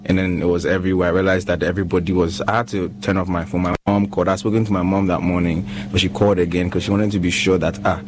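Deep-voiced Ghanaian man telling his story. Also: quick pace, few pauses, poor audio. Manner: relaxed storytelling with many fillers. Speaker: musician interviewee. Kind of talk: casual radio interview.

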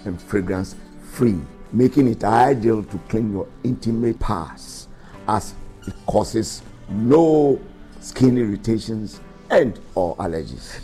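A man reading a scripted infomercial sales pitch as an advert announcer, in a persuasive salesman's delivery. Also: mellow. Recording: music bed under voice. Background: background music.

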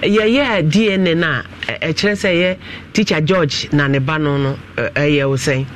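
A man with a Ghanaian accent, a pastor questioning family members in a dispute in an animated, coaxing manner. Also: fairly high pitch, moderate pace, slight background noise. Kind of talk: mediating a family dispute on a broadcast.

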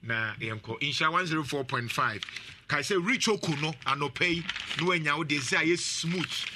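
Bright-voiced man, animated host. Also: fairly high pitch, normal speed, a little hiss or hum. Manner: animated, laughs often. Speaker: talk show host. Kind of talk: casual commentary mixing Twi and English.

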